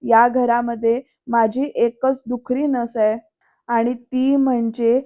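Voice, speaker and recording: A woman reading a slow, gentle old grandfather. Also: on the high side, flat delivery. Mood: emotional. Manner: slow, heartfelt. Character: older grandfatherly man, emotional and gentle. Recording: dull lo-fi sound.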